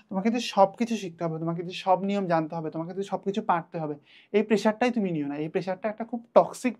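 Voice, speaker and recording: A man's voice: sits high, darkish tone. A young man from Bangladesh, giving an online exam revision lesson as a tutor, chatty and addressing the students directly, repeating his points.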